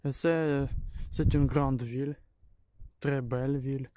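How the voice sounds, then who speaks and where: A man from Ukraine with a Ukrainian accent vlogs outdoors, speaking halting, broken French with grammar slips. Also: mid-range voice, steady tone. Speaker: amateur vlogger. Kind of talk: outdoor travel vlog to camera. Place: outdoors near a city. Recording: clearly noisy outdoor recording, loud noise.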